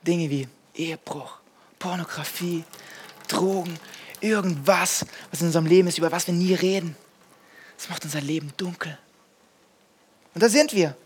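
A man preaching a live sermon on stage, asking the audience direct questions and building to loud, fervent passages. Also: on the high side, steady tone, moderate pace, pauses often, a little hiss or hum.

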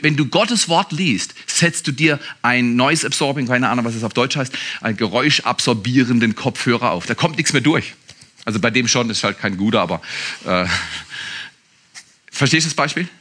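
A male pastor preaching a sermon in a conversational way, asking his listeners direct questions and swinging between emphatic outbursts and quiet asides. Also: on the high side.

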